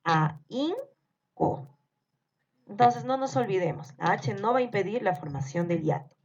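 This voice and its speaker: A woman teaching a grammar lesson, speaking slowly and deliberately and spelling out syllables one by one. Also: medium pitch, lively intonation, darkish tone. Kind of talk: scripted grammar lesson narration. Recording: dull lo-fi recording.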